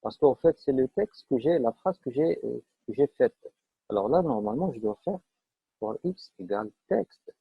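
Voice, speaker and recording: A man's voice: mid-range voice, big pitch swings, normal speed, vocal fry, slightly rough, dry recording. A man teaching a live online programming class, explaining step by step with frequent fillers and checks that students follow. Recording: dull lo-fi online class audio.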